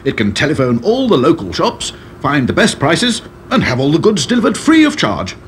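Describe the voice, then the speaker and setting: A giddy, boastful old inventor as a man acts him out in a children's storybook. The voice sits high and bubbles with excitement, swooping all over the place. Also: moderate pace, a little hiss or hum. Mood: bubbly. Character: eager, boastful eccentric old male inventor.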